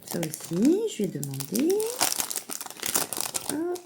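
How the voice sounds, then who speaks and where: A woman showing a parcel in a casual vlog at home, hesitant with many fillers and softly gushing. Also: medium pitch, huge pitch swings, slow pace, vocal fry, heavy background noise. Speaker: mother unboxing a parcel of saving challenges. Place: at home at a table.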